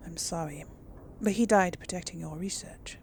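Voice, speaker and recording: Over the sounds of a video game, a female gaming host chats informally and hesitantly in a casual let's play, slipping into role-played replies. She speaks at a moderate pace in a lower voice with vocal fry. There's slight background noise.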